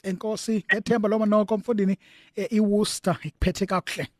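A South African man with a Xhosa accent hosts a religious radio talk show in a conversational way. His voice sits high and he talks rapidly, in a dry studio sound, moving between two languages as he goes. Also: steady tone, no room sound. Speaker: radio host.

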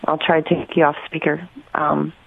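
A woman calling in to a radio show, heard through a Bluetooth headset mic on a phone line, speaking hesitantly with pauses. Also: low voice, little pitch movement, gravelly, breathy edge, no room sound. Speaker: radio call-in listener.

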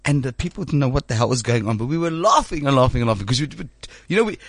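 This host, a man in his thirties, speaks very fast at medium pitch with a slightly rough texture, captured as a dry, studio-quality recording. His casual studio chat is animated and rambling, full of false starts.

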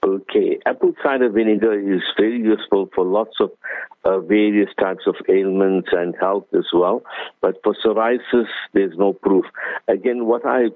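A man, hoarse with flu and a cough, giving measured, explanatory answers as a doctor on a radio interview. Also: fairly low pitch, fairly even intonation, no room sound. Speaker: doctor, radio guest expert. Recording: narrow phone-like radio line.

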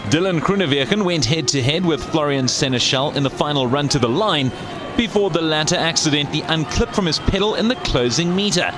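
Male sports voice-over with prominent music. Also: on the high side. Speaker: sports news narrator. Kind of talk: scripted sports highlights narration.

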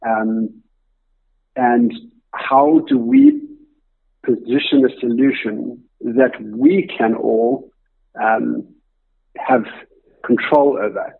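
A man with a gravelly, husky voice answers as an interview guest, thinking aloud and weighing his words. He comes through a thin, tinny remote line like a phone call. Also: mid-range voice, very animated, drawn-out words, long pauses. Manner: reflective, thinks aloud with fillers. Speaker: company co-founder and CEO, guest.

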